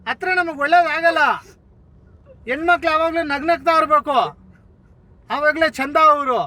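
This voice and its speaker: A man's voice: very high voice, fairly even intonation, moderate pace, bright, forceful tone, no room sound. A man playing a prank, talking in a pushy, teasing and coaxing way inside a car. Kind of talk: hidden-camera prank talk.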